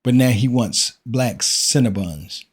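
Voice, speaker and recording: A man's voice: mid-range voice, animated, slow, husky. A man hosting a reaction commentary, speaking in a critical, preachy way and firing off rhetorical questions.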